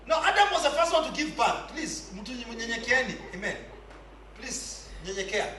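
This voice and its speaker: A man preaching a sermon, calling for responses from the congregation and often shouting his points. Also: extremely high pitch, animated, normal speed, distant mic, a little hiss or hum. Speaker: pastor. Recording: echoey hall, voice away from the mic.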